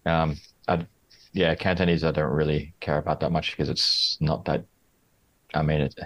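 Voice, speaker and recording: A man's voice: a bass voice, little pitch movement, moderate pace, a bit bright. A man as a podcast guest, talking casually and hesitantly, full of "like" and restarts. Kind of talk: casual interview chat.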